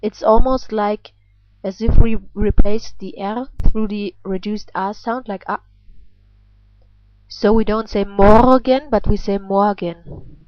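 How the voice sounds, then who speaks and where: Female language teacher, native German with German accent, slow measured delivery, throaty R demonstrations, dull lo-fi recording. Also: medium pitch, fairly even intonation. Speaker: pronunciation teacher. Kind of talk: instructional language lesson. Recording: dull, lo-fi sound.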